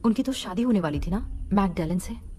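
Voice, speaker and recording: An actress dubbing a direct, determined young woman exorcist who talks in a brisk, practical way. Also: mid-range voice, lively intonation, warm tone, slight background noise, lightly acted. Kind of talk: Hindi film dubbing.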